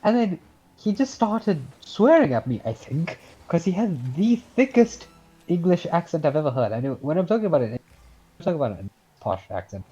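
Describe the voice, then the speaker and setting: A man's voice: a little high, sing-song, moderate pace, warm tone, slightly rough, highs cut off, soft background music. A young man in his late teens with a Scouse accent, casually telling a rambling story on a podcast, swearing often. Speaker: podcast host.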